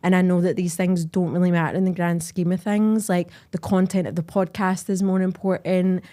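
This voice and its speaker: A woman's voice: lowish voice, flat delivery, moderate pace, mellow. A young adult Scottish woman hosting a podcast in a candid, chatty way, full of "like" fillers. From Scotland. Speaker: podcast host. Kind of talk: casual chat.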